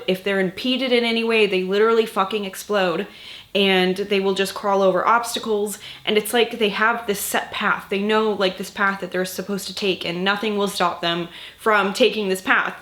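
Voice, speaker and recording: A woman book vlogger, sick and a bit husky, chatting casually through her monthly reading wrap-up with lots of fillers and swearing. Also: mid-range voice, steady tone, moderate pace, a bit bright.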